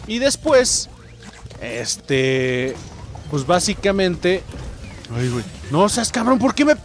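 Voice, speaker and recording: Faint music plays behind this young man's high-pitched, slow voice as he streams a game with a Mexican Spanish accent. His let's-play talk is casual and excitable: he curses and yelps at his mistakes and speaks directly to viewers.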